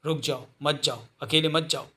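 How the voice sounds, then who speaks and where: A man's voice: a little high, fairly even intonation, normal speed, bright, forceful tone, husky. A man voicing a devoted young woman who calls out pleadingly.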